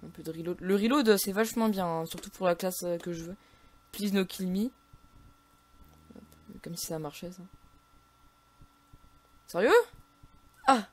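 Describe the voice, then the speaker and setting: A woman's voice: lowish voice, steady tone, normal speed, darkish tone. A woman with a French accent casually commentating her own video game play, full of frustrated outbursts and stumbling restarts.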